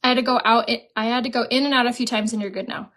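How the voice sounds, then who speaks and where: A woman's voice: on the high side, fairly even intonation, rapid-fire, fairly bright tone. A young woman hosting a live stream, chatting casually and giggling while she sells makeup.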